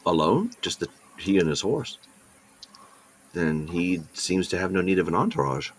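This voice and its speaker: A man's voice: deep voice, sing-song, normal speed, a little hiss or hum. A man playing a tabletop role-playing game, moving between narration and theatrical in-character speech.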